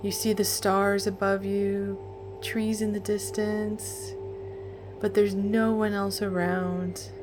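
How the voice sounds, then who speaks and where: A woman narrating a guided meditation in a calm, soothing, deliberate way with long pauses. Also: medium pitch. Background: music.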